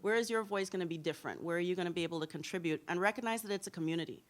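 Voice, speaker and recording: A woman's voice: on the low side, rapid-fire. A woman in her thirties from Trinidad and Tobago, a hair blogger answering interview questions in a candid storytelling way at a symposium.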